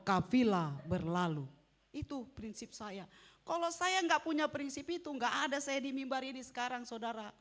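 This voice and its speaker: Middle-aged woman pastor with a high, bright voice, chatty and emphatic, with sharp jumps in loudness. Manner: emphatic, conversational preaching with sharp swings in loudness. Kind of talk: sermon.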